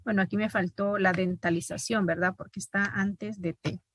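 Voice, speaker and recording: A woman's voice: medium pitch, fairly even intonation, moderate pace, a little hiss or hum. A woman teaching an online linguistics class. She explains step by step and often checks with her students by asking "¿verdad?".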